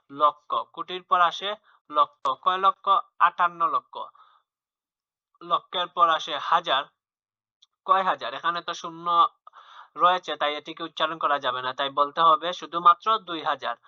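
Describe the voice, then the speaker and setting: This is a dull, lo-fi home recording with no room sound. A man with a fairly high-pitched voice walks young children through maths, patiently explaining and going over points again, with fillers and restarts along the way.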